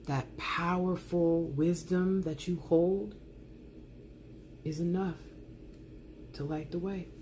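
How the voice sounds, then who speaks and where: Woman, lowish voice, soft ASMR love letter reading, intimate and earnest delivery, dramatic pauses, noticeable background noise. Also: steady tone, poor audio. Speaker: tarot reader reading out love messages.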